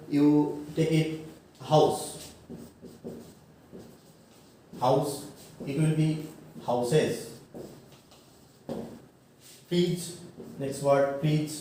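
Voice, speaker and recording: A man giving a college English grammar lecture, halting with many fillers and self-corrections, spelling words out letter by letter. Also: on the high side, warm tone. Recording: echoey room, mic far off, faint noise.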